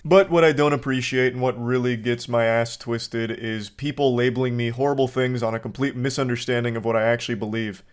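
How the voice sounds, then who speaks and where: A man's voice: mid-range voice, steady tone, fairly quick, few pauses, clear, resonant tone. A man in his late twenties speaking candidly and emphatically in a casual commentary vlog, swearing freely. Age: 20s. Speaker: YouTuber.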